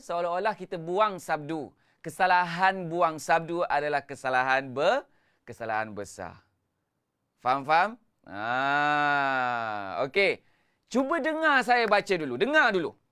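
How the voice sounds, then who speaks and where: A Malaysian man with a smooth, high-pitched, sharp voice teaches Quran recitation on a live stream. He coaches through repeated instructions and counting in, and he chants the verses melodically.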